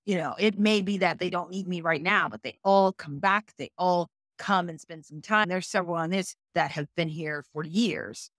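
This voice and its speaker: A woman's voice: mid-range voice, fairly bright tone, no room sound. Chatty woman coach, dry sound. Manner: chatty, keeps checking in with viewers; reacts to viewer comments aloud. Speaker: business coach. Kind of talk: live online web class.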